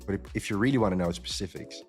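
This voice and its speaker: A man's voice: low voice, rapid-fire, faint music behind. A man from the Netherlands, chatting candidly on a trading live stream and repeating phrases for emphasis. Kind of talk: casual chat on a live stream.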